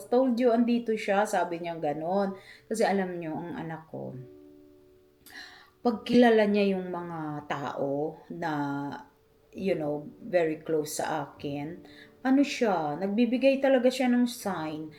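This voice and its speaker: A middle-aged woman from the Philippines tells a personal story for her vlog. She switches between Tagalog and English, repeats herself, and leans on fillers like "ah" and "ano.". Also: dark tone. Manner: emotional, rising high when moved. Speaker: vlogger, hairdresser.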